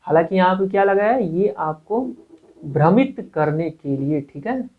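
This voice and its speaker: A man teaches grammar at an unhurried, deliberate pace. He circles back over each point with rhetorical questions and a steady stream of "okay?" check-ins. The sound is thin and boxy, like a phone-quality recording. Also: high-pitched. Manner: repeats words, asks rhetorical questions, frequent "okay". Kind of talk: exam-prep grammar lecture. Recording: tinny phone-like lo-fi audio.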